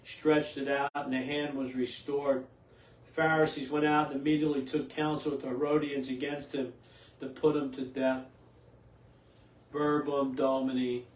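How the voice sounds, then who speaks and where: An older man, a priest, reads scripture in steady liturgical cadence and then preaches a homily at Mass, restarting phrases as he goes. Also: mid-range voice, moderate pace. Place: small indoor home chapel. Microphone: camera a few feet away. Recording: roomy echo, distant from the mic.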